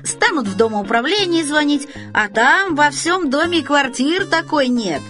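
A woman's voice: sits high, lively intonation, moderate pace, fairly bright tone, soft background music, voice pushed up. A woman voicing an emphatic, knowing mustached man in a storybook reading.

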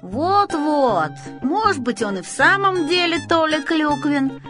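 Middle-aged house manager in a storybook, wary and probing, measured speech; a woman voices him. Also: high-pitched, expressive, over music, pitched above the performer's own voice.

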